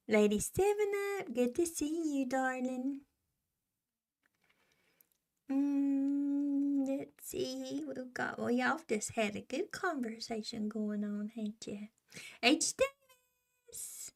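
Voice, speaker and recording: Slow, creaky-voiced woman livestream host. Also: high-pitched. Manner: affectionate, calls viewers darling and y'all. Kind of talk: casual chat greeting viewers.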